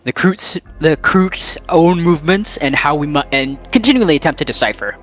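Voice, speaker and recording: A man playing in a tabletop game, measured and self-correcting. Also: fairly high pitch, lively intonation, fairly bright tone, soft background music. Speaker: player. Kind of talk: in-character tabletop play.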